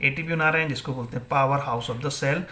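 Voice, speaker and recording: A man's voice: mid-range voice, normal speed, sharp tone, slight background noise. A male biology teacher gives an exam-prep lecture, asking questions and answering them himself, and mixing English terms into Hindi.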